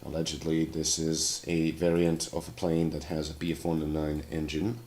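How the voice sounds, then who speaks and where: A man's voice: flat delivery, normal speed, a little mellow. A man livestreaming a game with casual commentary, sounding sick with a sore throat and a stuffed nose. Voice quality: congested, very deep sick voice. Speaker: game streamer, show host. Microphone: streaming microphone.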